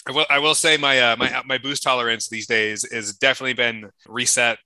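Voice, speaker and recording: A man's voice: medium pitch, steady tone, a little fast, sharp tone, no room sound. A man chatting casually with friends as co-host of a tasting show, rambling along with slang and swearing. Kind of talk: casual chat among friends.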